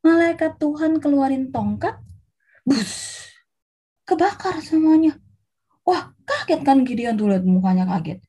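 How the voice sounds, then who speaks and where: A woman preaching to children, telling a Bible story in a lively, animated way. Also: high voice, normal speed.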